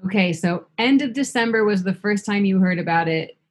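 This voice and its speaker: A woman's voice: mid-range voice, brisk. A woman interviewing a guest in a casual, encouraging way, with frequent fillers. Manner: friendly, encouraging, many fillers.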